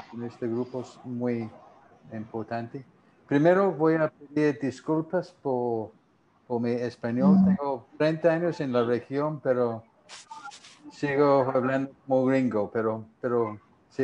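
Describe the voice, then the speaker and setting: A middle-aged or older man, an English speaker, presenting in on a webinar, haltingly and repeating small words. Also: medium pitch, warm tone. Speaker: expert presenter. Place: indoor room on video call. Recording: faintly noisy video call.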